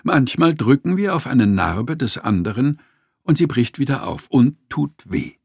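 Brief: man reading a nonfiction audiobook, lively pitch, dry close sound. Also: a little slow, vocal fry, breathy edge, no room sound. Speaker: audiobook narrator. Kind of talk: scripted audiobook narration.

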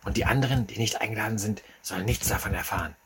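A man voicing a nervous, secretive male party host in a whispered role-play, hushing every word conspiratorially. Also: fairly low pitch, quick pace, slight background noise, pitched above the performer's own voice, close to an everyday voice.

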